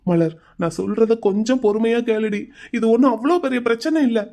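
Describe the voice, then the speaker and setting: A woman's voice: fairly high pitch, lively intonation, fairly quick, dark tone. A woman voicing a pleading anxious husband. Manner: pleading, coaxing. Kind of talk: cartoon drama voice acting.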